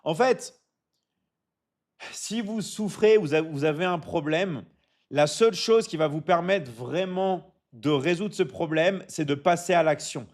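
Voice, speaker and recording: Male live-stream host, slightly high-pitched, motivational coach tone, repetitive and halting. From Michigan. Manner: repeats "d'accord?" often, stumbles and restarts, coaching tone; reads out viewer comments and answers them. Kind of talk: casual live stream chat.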